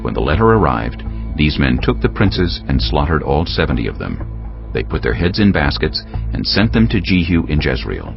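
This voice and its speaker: A man with a very deep voice narrates a dramatized scripture audiobook in a scripted storytelling style, his pitch swinging widely at a moderate pace with vocal fry. Background music plays behind him, and the audio is slightly dull.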